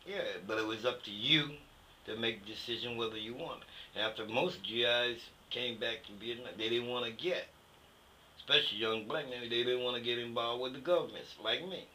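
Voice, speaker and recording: A brisk, bright, forceful mid-range voice belongs to an older American man recalling his Vietnam War service in an interview. He talks colloquially and bluntly, stressing his views and leaning on "you know." The recording is poor, with faint background noise.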